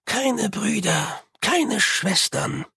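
The reader voicing an old sweeper monk with a wise, quiet temper, speaking slowly and softly in an audiobook. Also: medium pitch, lively intonation, vocal fry, husky, no echo, clean studio sound, voice pushed up, full character voice. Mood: sad.

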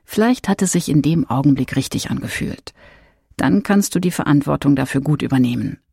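A man reading a parenting text in a calm way, speaking straight to the listeners. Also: fairly high pitch, brisk, vocal fry, breathy edge, no room sound, clean studio sound. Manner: calm, addresses listeners directly. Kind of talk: scripted reading.

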